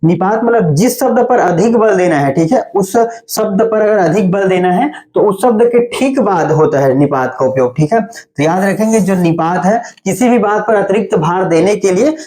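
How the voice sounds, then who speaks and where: This man's voice sits high and is expressive with a slightly mellow quality. Teaching grammar online, he goes step by step, checking in after every point with "theek hai" and slowing his delivery to list terms.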